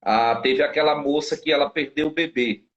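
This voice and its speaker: A man's voice: on the high side, fairly even intonation, moderate pace, fairly bright tone, dull audio. A man in his thirties, a pastor, telling stories in a casual live-stream chat and acting out the people he quotes. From Brazil. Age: 30s. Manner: storytelling, acts out quoted dialogue.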